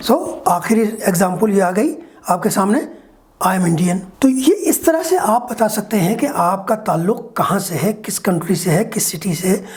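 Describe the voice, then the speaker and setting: A man giving a spoken-English lesson, explaining in Hindi between examples. He draws each English sample sentence out slowly and clearly, as a teacher modelling pronunciation. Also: high voice, animated, a little mellow.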